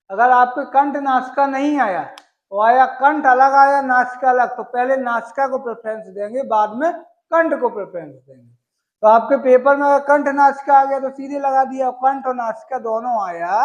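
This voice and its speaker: A man's voice: very high-pitched, echoey room, rough recording. A male Sanskrit teacher from gives an exam-prep lesson, using homely examples and asking and answering his own questions.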